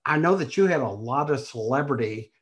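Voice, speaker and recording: A man hosting a podcast interview, asking questions with many pauses and fillers. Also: medium pitch, animated. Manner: hesitant, filler-heavy questions. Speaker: podcast host. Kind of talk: casual interview.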